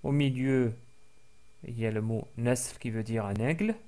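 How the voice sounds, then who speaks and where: A man teaching a language lesson for French speakers, slowly repeating each word for practice, with frequent hesitations. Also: medium pitch, dark tone. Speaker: Arabic teacher.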